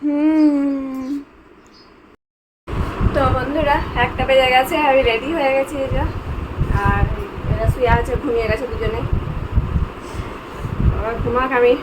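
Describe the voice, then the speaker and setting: A chatty woman vlogging from home, talking to her viewers as friends. Her voice sits a little high, with clear background noise under it from a phone recording. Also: fairly even intonation, moderate pace, pauses often. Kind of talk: casual home vlog narration.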